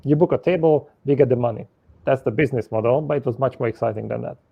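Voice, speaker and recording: A man's voice: medium pitch, quick pace, creaky, breathy edge, no echo. Matter-of-fact male guest, dry dull sound. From Hungary. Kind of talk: conversational storytelling. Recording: dry, lo-fi audio.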